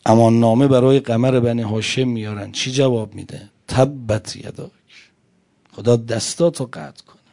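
Dark-voiced male preacher. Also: mid-range voice, fairly even intonation. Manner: addresses listeners directly, swings between loud emphasis and quiet lines. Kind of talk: religious sermon with storytelling.

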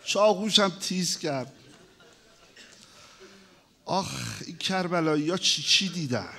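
Male preacher, mourning sermon; very high, ringing voice, lamenting delivery. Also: expressive. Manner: lamenting, sighing, swings between hushed and loud wailing.

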